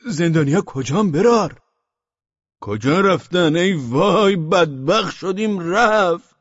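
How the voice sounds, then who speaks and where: A man voicing panicked, bumbling young provincial gendarmes, shouting in a frantic, whiny, dialect-tinged way. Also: mid-range voice, big pitch swings, husky, dry recording, voice pushed up, exaggerated voice. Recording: dull lo-fi dry audiobook recording.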